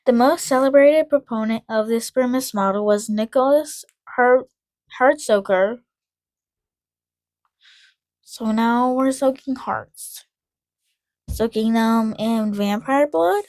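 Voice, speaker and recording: A woman's voice: a little high, slow, long pauses, darkish tone, no echo. A woman co-hosting a casual podcast, reading notes aloud, tripping over names and adding wry asides. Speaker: podcast co-host.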